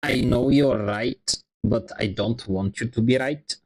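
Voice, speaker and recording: Male streamer, mid-pitched, rambling and self-deprecating, chatting on a lapel mic. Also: unhurried, breathy edge, rough recording. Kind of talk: casual chat on a live stream. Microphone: wireless lapel microphone.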